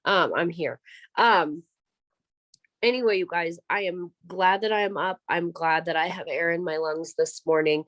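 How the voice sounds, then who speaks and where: A woman's voice: lowish voice, normal speed, a bit bright. A woman hosting a casual morning video call, sounding congested with allergies and groggy as if hungover, candid and self-deprecating. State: congested with allergies, coughing and clearing throat. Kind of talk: casual morning pep talk. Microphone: video call, close.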